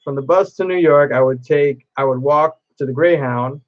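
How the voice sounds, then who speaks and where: A man's voice: fairly high pitch, moderate pace, dull audio. A man chatting to camera as a cosplay vlogger, telling a long personal story in a rambling way with many restarts.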